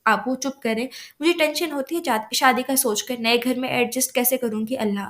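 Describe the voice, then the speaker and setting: A cheeky, sharp-tongued young bride-to-be in an audio novel, as a woman reads her lines in a Pakistani Urdu accent. Her voice rides high and lively, quick with teasing comebacks.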